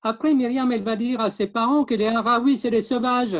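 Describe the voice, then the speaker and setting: A man's voice: very high-pitched, steady tone, brisk, dull audio. An older man playing a hospitable father who offers guests tea and cakes. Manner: welcoming, offering food. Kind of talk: amateur theatre web-series acting.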